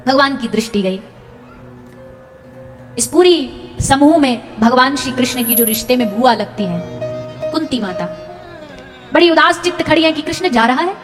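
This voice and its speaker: A woman's voice: high voice, lively intonation, normal speed, pauses often. A woman narrating a devotional sermon, telling the story dramatically and singing Sanskrit verses. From India. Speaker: katha storyteller. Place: large hall at a live religious event. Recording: long hall reverb with music.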